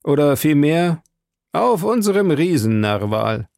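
A man's voice: a little high, big pitch swings, a little slow, gravelly, darkish tone, no room sound, clean studio sound, voice pushed up, exaggerated voice. A man doing a blunt, sturdy harpooner. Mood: matter-of-fact.

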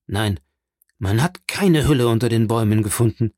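A man reading a grim, tormented state prosecutor in an audiobook, somber, measured and heavy. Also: medium pitch, a little mellow, no echo, clean studio sound, lightly acted.

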